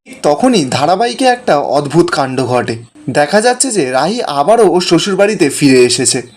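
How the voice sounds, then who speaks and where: A man with a notably high voice retells a television-serial episode. He narrates steadily and reads out each character's lines himself. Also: sing-song, normal speed. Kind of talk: scripted story narration.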